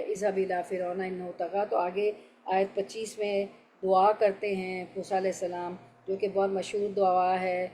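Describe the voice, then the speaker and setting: A middle-aged woman leads a scripture class, her voice mellow and warm at an ordinary middle pitch. She explains patiently, line by line, and stops to put questions to her students. A faint hiss sits under her speech. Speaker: Quran teacher. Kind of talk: religious lesson explaining verses.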